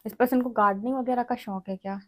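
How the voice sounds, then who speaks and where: A woman's voice: on the high side, fairly even intonation, quick pace, fairly bright tone. A woman giving a tarot reading in a direct, lecturing way, often checking in with the listener. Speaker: tarot reader.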